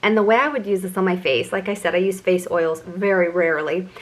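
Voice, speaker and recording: A woman's voice: lowish voice, a little fast. A middle-aged woman vlogger giving a chatty, enthusiastic product review. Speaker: beauty vlogger.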